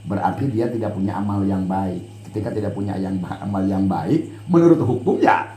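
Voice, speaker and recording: A man's voice: deep voice, lively intonation, fairly quick, warm tone, roomy sound, faint music behind. A man from Cianjur with a Sundanese accent, a pesantren leader talking in a casual podcast chat, explaining patiently and laughing between points. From Cianjur, West Java.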